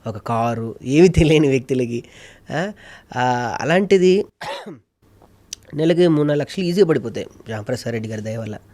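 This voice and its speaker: A man's voice: mid-range voice, lively intonation, moderate pace, pauses often, a little mellow. A man, a mimicry artist and producer, talking emotionally and repeating himself for emphasis as an interview guest. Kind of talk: casual interview chat.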